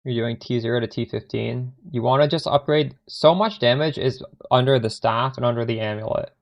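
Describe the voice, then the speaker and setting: A Canadian man with a Canadian accent streams a game live, chatting casually and answering chat questions while he plays, often trailing off mid-sentence. His medium-pitched voice is gravelly and brisk, and the sound is lo-fi.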